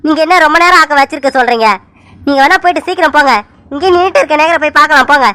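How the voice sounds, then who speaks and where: A woman voicing a young male hospital messenger in a cartoon who speaks in a matter-of-fact, hurried way. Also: sits high, pushed and bright, no echo, poor audio.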